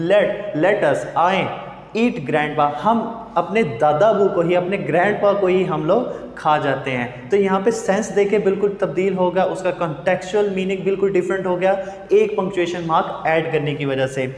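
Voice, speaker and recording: A man's voice: sits high, normal speed, a little mellow. A man teaching an online English grammar lesson, explaining in Urdu mixed with English. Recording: echoey room with long reverb, faint hiss.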